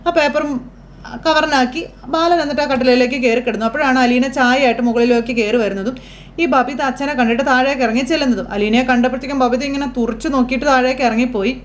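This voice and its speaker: A woman's voice: high-pitched, fast talker, slight background noise. A woman giving a chatty, casual recap of a TV serial for her listeners. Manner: chatty, keeps adding tag words for the listener.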